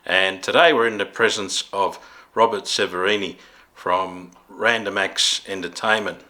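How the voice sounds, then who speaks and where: A male host opens the episode with a short welcome. His voice sits slightly low but sounds bright and forceful. He reads a plain introduction with a few fillers. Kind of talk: show introduction.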